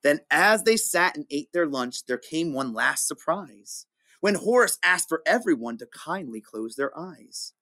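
A teacher reading a rhyming picture book aloud with an expressive, sing-song delivery. His voice sits a little high for a man. He swings up and down to bring the verses to life. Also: measured pace.

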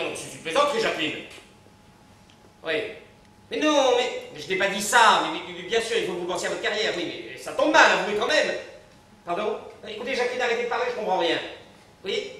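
An actor playing a polite, flustered household employee in a live stage comedy, fussing and pleading into a telephone. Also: male voice, sits high, bright, forceful tone, slight background noise. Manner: polite, fussy and exasperated on the telephone. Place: theatre stage. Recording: echoey theatre stage from far off.

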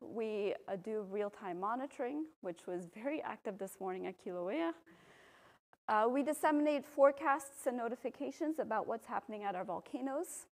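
A volcanologist from Belgium giving a public talk, a woman explaining at a podium microphone in a university lecture room, relaxed, with frequent ums. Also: fairly high pitch, normal speed. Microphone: podium microphone, filmed from a far camera.

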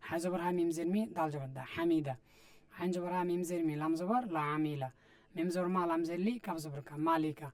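A man's voice: a little high, a little fast, a little mellow. A man teaching Quran reading, patiently spelling out Arabic letters and vowel marks, with a Bangladeshi Bengali accent. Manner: patient, repetitive, addresses viewers directly. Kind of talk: spelling drill lesson, letter by letter.

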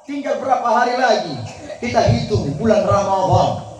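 A man's voice: high-pitched, normal speed, over loud music. A man with a Gorontalo accent preaching a humorous sermon to an audience, joking and breaking into chanted Quran recitation. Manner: jokey, animated, chanting recitation in between. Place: large tent venue with audience. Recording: echoey, distant crowd recording.

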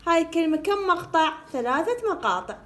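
A woman teaching first graders to read, sounding out syllables slowly and repeating each word. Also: very high-pitched, big pitch swings, a bit bright, a little hiss or hum. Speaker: primary school teacher. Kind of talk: reading lesson for first graders.

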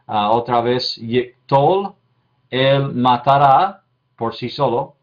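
A man's voice: mid-range voice, takes it slowly, muffled recording. A male Bible institute teacher giving a patient lecture on biblical Hebrew, repeating word forms, checking in with his students and correcting his own slips aloud.

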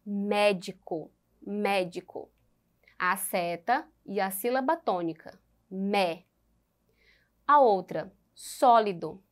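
Brazilian lady teacher doing a recorded class, kinda high voice, slow and patient. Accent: Brazilian Portuguese. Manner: slow, patient, spells out syllables and repeats words. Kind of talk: recorded school lesson.

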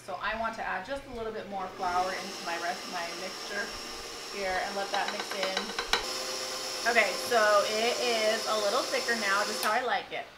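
A woman's voice: medium pitch, fairly even intonation, moderate pace, heavy background noise. Chatty woman baking in a home kitchen. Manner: chatty, giggly, rambling asides. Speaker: home cooking host. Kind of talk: casual cooking demonstration.

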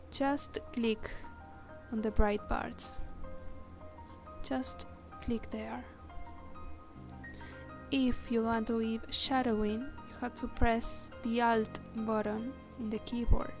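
This is a voice-over for a screen-recorded software tutorial, with music playing beneath it. The creator, a woman who speaks Spanish natively and has a Spanish accent, talks at a fairly high pitch with little pitch movement, guiding viewers slowly and carefully through each step with hesitant fillers.

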